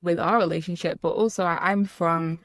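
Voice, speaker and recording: Soft-toned woman, reflective. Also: on the low side, fairly even intonation, normal speed, dry recording. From UK islands. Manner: reflective, with frequent ums and restarts. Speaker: guest, clinical social worker. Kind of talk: casual podcast conversation.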